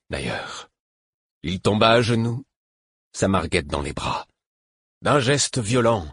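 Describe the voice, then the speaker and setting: Low husky man reading an audiobook. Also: no echo, studio quality. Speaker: audiobook narrator.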